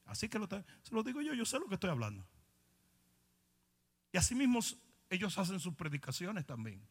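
A man's voice: high-pitched, wildly swooping pitch, brisk, husky, long reverb tail. A man pastor preaching a sermon in a challenging, confrontational way.

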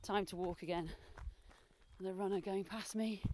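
A woman with a soft-edged, mellow voice coaches listeners while she jogs outside. Her talk is chatty and encouraging, as from a running podcast host on the move. There is faint outdoor noise with birdsong behind her. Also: medium pitch, steady tone. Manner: talking while jogging and brisk walking, encouraging. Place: outdoors on hilly paths and forest.

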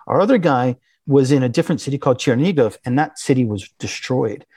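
Halting man with a dry sound. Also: mid-range voice, animated, a little mellow, slightly rough, no room sound. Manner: halting, many restarts and fillers. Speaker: interview guest, business owner. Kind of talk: conversational interview.

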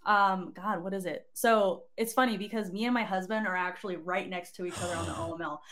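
A woman in her late twenties from Southern California, a guest talking casually about her army career, easygoing and quick to laugh. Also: on the low side, fairly bright tone. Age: 20s. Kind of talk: casual chat.

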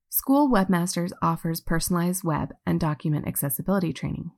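A woman narrates from a script in a measured, informative way. Her voice sits a little low and carries a gravelly vocal fry. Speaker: company narrator.

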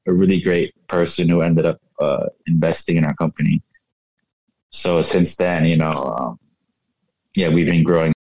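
A man in his thirties, raised in the United States, talking casually as a guest in an interview, relaxed and reflective with lots of "you know". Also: rumbling low, dry recording, dull audio. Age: 30s. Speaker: guest, fashion entrepreneur.

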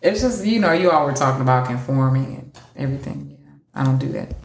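A woman's voice: extremely low pitch, animated, a little fast, creaky, distant mic. A woman in a casual group chat, teasing and blunt. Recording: echoey room with faint noise.

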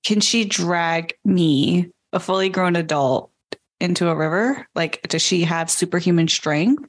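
A woman's voice: lowish voice, unhurried. A woman hosting a podcast and telling the story, speaking as a chatty, wry storyteller. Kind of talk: casual chat.

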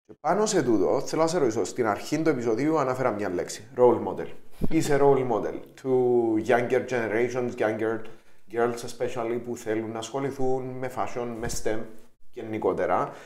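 A man with a Cypriot Greek accent hosting an interview, speaking haltingly and often switching into English phrases. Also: mid-range voice, a little mellow. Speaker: podcast host, interviewer. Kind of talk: conversational interviewing. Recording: roomy, echoey sound.

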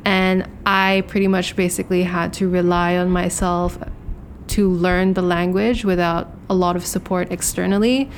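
A young woman from Hong Kong, a podcast guest, telling candid stories quickly with lots of fillers. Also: lowish voice, flat delivery, slight background noise. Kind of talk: casual interview chat.

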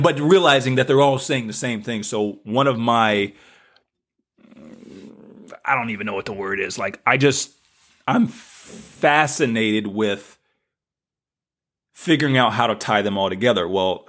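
A man's voice: mid-range voice, normal speed, long pauses, fairly bright tone. Southern male podcast host, loose spiritual monologue, rambles and repeats, searches for words mid-sentence.

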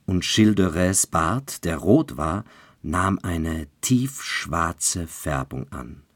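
Slow, deep-voiced male storyteller. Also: animated, no echo. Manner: measured, deliberate narration. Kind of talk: fairy-tale storytelling.

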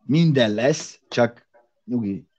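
A man's voice: mid-range voice, a little mellow, highs cut off. A man co-hosting a casual car show, talking in rambling bursts with fillers and restarts. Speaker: podcast co-host. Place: separate room from co-hosts.

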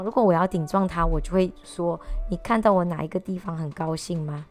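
A woman telling a personal story to camera in a casual, animated way, often restarting and repeating words. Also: fairly low pitch. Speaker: vlogger.

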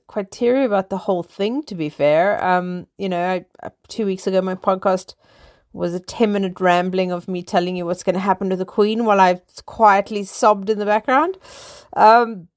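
A woman from Africa, hosting a casual solo podcast from her small flat. She rambles in an upbeat way and repeats words. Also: medium pitch, no room sound, studio quality. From South Africa. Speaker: podcast host.

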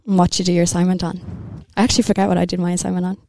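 A woman's voice: fairly low pitch, level tone, racing, creaky, warm tone, dry recording, clean studio sound. A young woman with an Irish accent, hosting a podcast and asking questions in a casual interview style. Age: young adult. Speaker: podcast host.

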